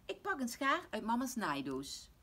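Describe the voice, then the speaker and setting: A stubborn little girl from a bedtime storybook, talking in a bright, girlish voice that swings high and low, as a woman reads her aloud. The voice has a husky, breathy edge. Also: huge pitch swings, moderate pace, heavily acted. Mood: eager. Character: young girl, bold and stubborn. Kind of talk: storybook reading.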